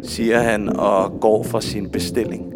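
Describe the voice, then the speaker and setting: A man narrating a radio drama, reading stage directions in a flat, repetitive way. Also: on the low side, music in the background.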